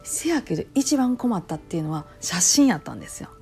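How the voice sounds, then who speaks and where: Chatty Kansai woman with a gravelly edge. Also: on the low side, quick pace, soft background music. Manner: rambling, animated storytelling with many fillers. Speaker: channel host, temple wife and nurse. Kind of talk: casual chatty monologue.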